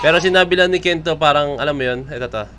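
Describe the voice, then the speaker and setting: A young Filipino-accented reaction vlogger gives chatty commentary on a music video, talking quickly in a highish voice with a crowd audible behind him. He mixes Tagalog and English and keeps tagging his lines with questions like "no?".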